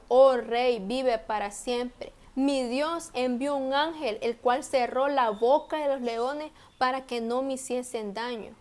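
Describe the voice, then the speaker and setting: A high-pitched woman leads a children's Bible class. She tells the story in short, simple phrases for young listeners and often restarts a word or a clause mid-sentence. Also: darkish tone. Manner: slow, simple storytelling for children, with self-corrections. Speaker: Sunday school teacher.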